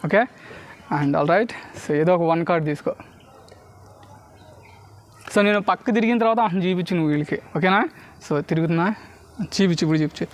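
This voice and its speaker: A man with a Telugu accent doing loud, bantering street magic patter for spectators, dropping in English words. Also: a little high, fairly quick, long pauses. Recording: clearly noisy on-location recording.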